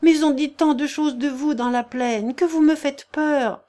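A woman reading aloud and voicing a gentle, frightened young peasant woman in a high, pleading voice. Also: fairly even intonation, a little slow. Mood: tender earnest. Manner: pleading, breathless, high-pitched.

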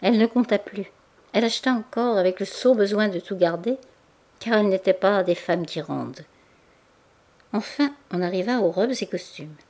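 A woman narrating a classic novel as an audiobook in a measured, even literary reading. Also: medium pitch. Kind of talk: scripted narration.

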